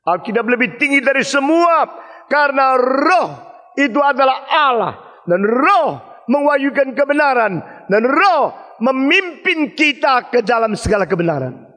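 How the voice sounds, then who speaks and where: High-voiced man preaching in a hall. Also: animated, unhurried. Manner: emphatic preaching with sudden shouts and drops to low tones. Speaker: pastor. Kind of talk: sermon. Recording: long reverb of a large hall.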